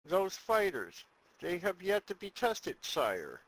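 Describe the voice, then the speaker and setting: A man's voice: sits high, huge pitch swings, takes it slowly, full character voice, rough recording. A man playing a cautious, deferential advisor to an evil space emperor, formal and wary, in a comedic audio drama. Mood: wary, dry.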